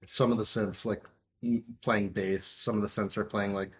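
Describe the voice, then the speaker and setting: A man's voice: lowish voice, little pitch movement, normal speed. A man in his thirties, a podcast guest and musician, talking casually and rambling with many fillers. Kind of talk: casual interview chat.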